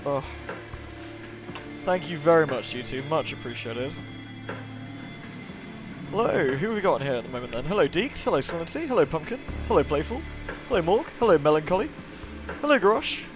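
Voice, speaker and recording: A British livestreamer talks in a fairly high, very animated voice at normal speed, leaving long pauses. He greets and answers his viewers in a friendly, laid-back way as moody music runs in the background.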